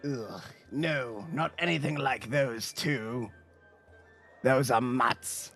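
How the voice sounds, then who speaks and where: Bright, creaky-voiced man running a tabletop game. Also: medium pitch, slow, soft background music. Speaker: game master. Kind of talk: tabletop role-play, voicing characters.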